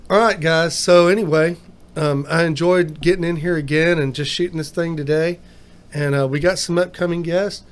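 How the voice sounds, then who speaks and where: A man's voice: a little high, steady tone, normal speed, clear, resonant tone. A man hosting a casual podcast, talking in a folksy, upbeat way. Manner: folksy, upbeat sign-off talk. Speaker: podcast host.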